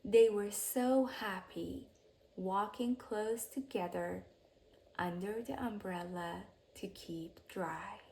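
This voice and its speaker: In a mid-range voice, a woman tells a children's story as if at bedtime, expressive yet measured, with each sentence softly hushed at the close. A little hiss or hum can be heard.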